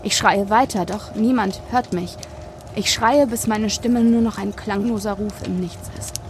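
A woman narrating a first-person horror story in a measured, suspenseful reading. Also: medium pitch, a little hiss or hum.

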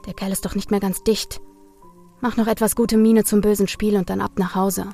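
A woman's voice: medium pitch, level tone, normal speed, vocal fry, dark tone, faint music behind. A woman voicing a tense, anxious young man in a storybook thriller, with a pleading edge. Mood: worried.

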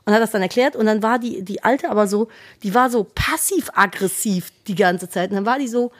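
A woman's voice: mid-range voice, brisk. A woman telling a funny anecdote in casual podcast chat. She acts out the people she quotes and laughs a lot. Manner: animated, acts out quoted voices, laughs often. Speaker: podcast co-host.

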